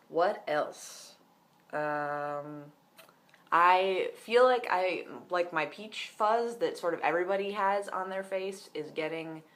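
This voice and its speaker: In a slightly high, somewhat bright voice that sometimes cracks, a young man gives a casual, meandering video diary update from home. The vlogger leans heavily on "um" and "like."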